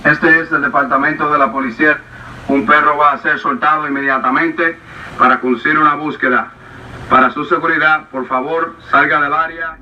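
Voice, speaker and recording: A man giving a formal police warning, heard as a pre-recorded message through a vehicle siren loudspeaker outdoors. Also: on the high side, steady tone. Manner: loud, quick formal warning. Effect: pre-recorded message blared through a siren loudspeaker. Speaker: police announcement. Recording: distant loudspeaker, dull lo-fi, street noise.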